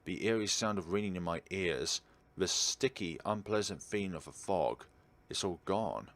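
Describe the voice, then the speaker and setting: With a deep, expressive voice at a moderate pace, this let's player dramatically narrates a visual novel and interjects casual gameplay remarks. The reading is emphatic and theatrical, over a clearly noisy background.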